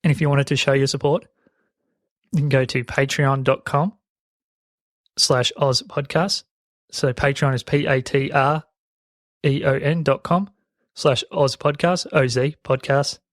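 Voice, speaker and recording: Unhurried and prone to long pauses, an Australian man explains things as a podcast host in a mid-range, fairly even voice. His speech hisses noticeably on s-sounds, captured on a close broadcast dynamic microphone with no room sound.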